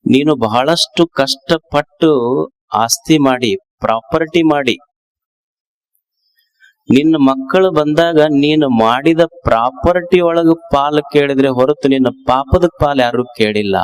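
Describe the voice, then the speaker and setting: A man with a North Karnataka Kannada accent giving a sermon as a swamiji, slow and emphatic, repeating key phrases. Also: on the high side, smooth. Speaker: swamiji preacher.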